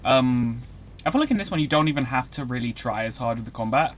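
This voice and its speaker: A young man chatting casually as he streams a video game, rambling and breaking into excited outbursts. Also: medium pitch, fast talker. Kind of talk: casual live-stream commentary.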